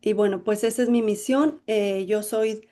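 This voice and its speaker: A middle-aged woman from Jalisco, an emotional intelligence coach, tells her life story as an interview guest, sprinkling in plenty of "bueno, pues" fillers. She speaks Mexican Spanish with a Mexican accent. Her mid-range voice is dark and steady, moving a little slowly.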